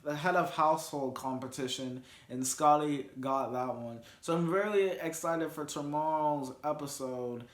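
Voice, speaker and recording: Vlog host, male, slow-talking, slightly high voice, rambles and restarts, roomy echo. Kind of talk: casual sports and reality-show commentary.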